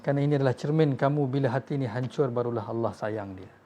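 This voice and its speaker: In his sermon, a man with a Malaysian Malay accent tells stories with emotion, imitates the voices of quoted figures, and addresses listeners as tuan-tuan. His mid-range voice is mellow and quick-paced, with slight background noise.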